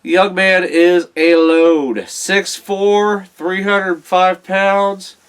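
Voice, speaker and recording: Guy with a slightly high voice talking wrestling, loose and halting. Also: fairly even intonation, clean tone. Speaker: wrestling show host. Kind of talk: casual wrestling talk.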